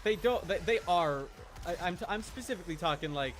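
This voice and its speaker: High-voiced, expressive and brisk, this man talks casually on his gaming stream, rambling and correcting himself with emphasis. Faint video game sound and slight background noise sit behind him.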